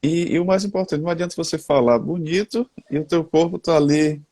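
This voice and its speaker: A man's voice: a little high, fairly quick, mellow, no echo. A man with a Brazilian Portuguese accent, chatting casually and folksily about communication, talking to listeners on a headset. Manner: talkative, folksy, addresses the audience as "gente" and "cara". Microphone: headphones.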